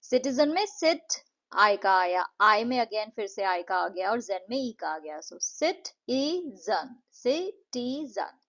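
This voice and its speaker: A woman with an Indian accent teaching an English lesson in an explanatory way. She reads the English lines slowly and deliberately, then explains them more quickly. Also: mid-range voice, expressive, a bit bright. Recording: dull lo-fi recording.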